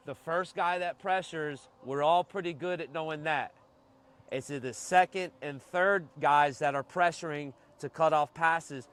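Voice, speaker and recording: A man's voice: a little high, smooth. Man giving a halftime pep talk, coach. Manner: instructive, repeats key points for emphasis; checks understanding with short questions. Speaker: youth soccer coach. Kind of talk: pre-game and halftime pep talk to a team.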